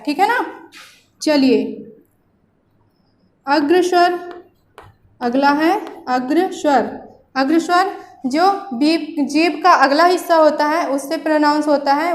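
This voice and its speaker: A woman with a Hindi accent from central India, teaching a grammar lesson in a patient way and checking in with her students often. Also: high-pitched. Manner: patient, repeats "ठीक है ना" as a check-in. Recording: roomy echo.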